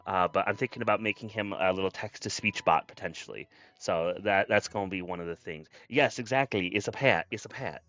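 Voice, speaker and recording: A man's voice: low voice, a little fast, hardly any pauses, a bit bright, no echo, highs cut off. A man chatting casually on a livestream as a VTuber, effusive and grateful in manner. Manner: effusive, grateful, often thanking viewers. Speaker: streamer and VTuber. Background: background music.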